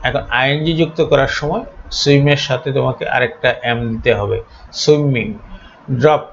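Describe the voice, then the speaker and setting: Male teacher, gravelly, deliberate lesson delivery, lots of "ah"s, lo-fi recording with light hiss. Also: mid-range voice. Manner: deliberate, spells out letters, frequent "ah" fillers. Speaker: English teacher. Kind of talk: explanatory grammar lesson.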